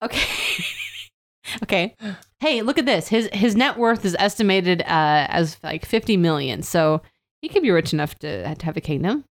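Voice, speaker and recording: Young woman, comedic podcast chat, rambling, giggly, mid-pitched. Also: lively intonation, normal speed. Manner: rambling, giggly, full of fillers. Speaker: podcast co-host.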